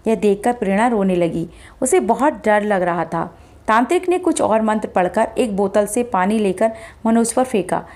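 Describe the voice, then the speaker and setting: A woman narrating a scripted horror story in a steady, dramatic way. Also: mid-range voice, normal speed.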